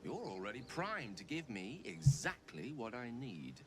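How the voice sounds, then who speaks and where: A man's voice: medium pitch, sing-song, unhurried, noisy background. An actor playing a refined, polite male wizard who confides a secret in formal, courteous speech. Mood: earnest. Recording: game audio with music behind.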